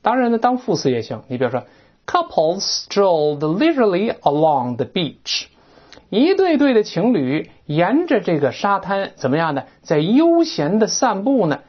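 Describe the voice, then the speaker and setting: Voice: medium pitch, huge pitch swings, moderate pace, hardly any pauses, husky. An English teacher a burr on word endings. They give a lecture on textbook vocabulary, explaining step by step and putting questions to the class. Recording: dull lo-fi recording.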